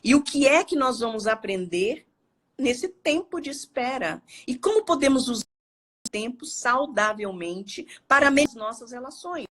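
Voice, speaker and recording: A woman's voice: on the high side, lively intonation, moderate pace, a bit bright. A woman with a Bahian Brazilian accent, a therapist talking expressively on a live video call and repeating words for emphasis. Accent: Bahian Brazilian Portuguese. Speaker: guest therapist. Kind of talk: live-stream talk. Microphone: phone or laptop on a live video call.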